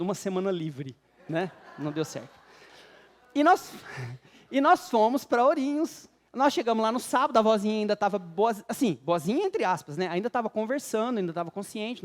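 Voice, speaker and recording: Brazilian man giving a humorous lecture. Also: high-pitched. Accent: Brazilian Portuguese. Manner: quizzes the audience, jokey storytelling. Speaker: spiritist lecturer. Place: lecture hall with audience.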